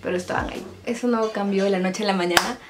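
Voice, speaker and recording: A woman's voice: medium pitch, fast talker, over music. A young woman with a Peruvian accent talking casually to her viewers from her bedroom in a confiding vlog, joking in asides while she paints her nails. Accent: Peruvian Spanish. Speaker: vlogger.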